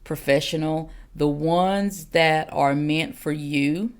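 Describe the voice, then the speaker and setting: Woman in her forties, church elder giving a podcast teaching; gravelly, earnest and direct, lots of "um"s. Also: deep voice, slow pace. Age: 40s. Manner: earnest, direct, many "um"s and repeated questions.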